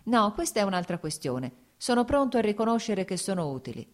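A woman's voice: medium pitch, sing-song, a little fast, pitched above the performer's own voice, close to an everyday voice. A woman voicing an earnest, brooding male landowner who argues his point in an audiobook reading. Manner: earnest, argumentative.

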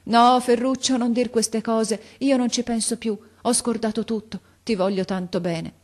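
A woman's voice: fairly high pitch, steady tone, moderate pace, darkish tone, voice pushed up, close to an everyday voice. A woman voicing a frightened old grandmother, trembling and pleading as she reads a story aloud. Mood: tender.

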